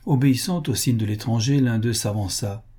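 A man narrating an adventure novel aloud in a steady, measured storytelling manner. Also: medium pitch, breathy edge. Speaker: reader. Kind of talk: audiobook narration.

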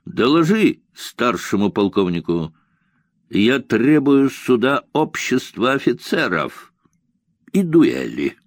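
Man reading as an outraged young officer, raised voice, breathless, slow, dry close reading. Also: medium pitch, very animated, no echo, pitched above the performer's own voice, heavily acted. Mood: demanding. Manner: indignant, shouting, breathless. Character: indignant honourable young male officer.

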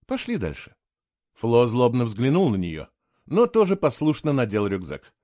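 A man reading a novel aloud in a measured, expressive storytelling way. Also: mid-range voice, no room sound, clean studio sound. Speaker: audiobook reader. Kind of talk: scripted narration.

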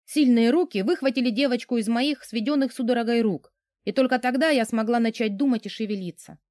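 A woman narrating a first-person novel in a tense, expressive way. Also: fairly high pitch, a little fast, no room sound, studio quality. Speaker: audiobook narrator.

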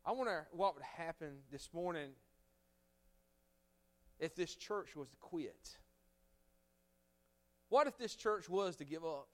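Fervent high-voiced preacher. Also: male voice, lively intonation, slow, pauses often. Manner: swings from loud fervent preaching to hushed storytelling. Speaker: guest preacher. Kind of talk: revival sermon. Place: church sanctuary.

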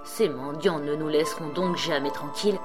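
A woman's voice: deep voice, normal speed, over music, pitched below the performer's own voice, lightly acted. A woman reading the part of a stingy rich merchant father, curt and impatient.

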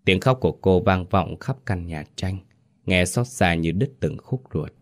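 A man narrating a scripted ghost story slowly and dramatically. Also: low-pitched, lively intonation. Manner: slow, dramatic. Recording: narration over soft music.

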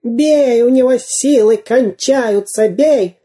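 A narrator voicing a sneaky storybook spy who eggs on the fight in a shrill, high voice. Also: slow, dark tone, close to an everyday voice. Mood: goading. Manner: shrill, egging others on. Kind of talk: audiobook character voice.

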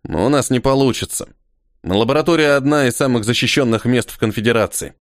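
A man voicing a gruff, embittered, weary man in an audiobook, with curt, grudging lines. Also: mid-range voice, brisk, no echo, studio quality, lightly acted. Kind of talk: audiobook character voice.

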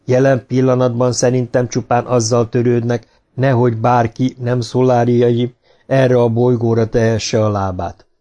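A man reading an audiobook who voices a calm, humanlike male robot explaining things politely and logically. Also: medium pitch, natural voice.

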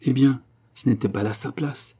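A man reading aloud and voicing a cold, brusque middle-aged aristocratic husband with a low, rough voice. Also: moderate pace, warm tone. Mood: irritated. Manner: brusque, impatient.

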